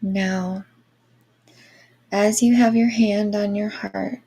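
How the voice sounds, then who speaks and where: A woman guiding a meditation as a Reiki healer, with a creaky voice and an airy, breathy, soothing delivery. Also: mid-range voice, fairly even intonation, takes it slowly, dark tone, low-quality recording. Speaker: online manifestation coach and Reiki guide. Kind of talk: guided meditation.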